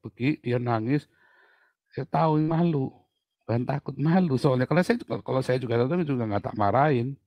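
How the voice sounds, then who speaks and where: A middle-aged man preaching a sermon as pastor, lively and colloquial, jumping from loud exclaims to low asides, with playful sound effects. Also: no room sound.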